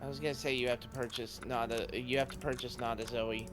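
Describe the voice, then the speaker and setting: A man from the United States chatting casually on a game stream, blunt and quick to swear. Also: medium pitch, little pitch movement, over music. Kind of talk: casual gaming chat.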